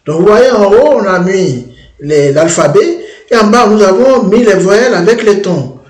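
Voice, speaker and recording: A man presenting a language-learning app in a screen-demo tutorial, talking haltingly and often restarting and repeating words. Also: sits high, animated, roomy sound.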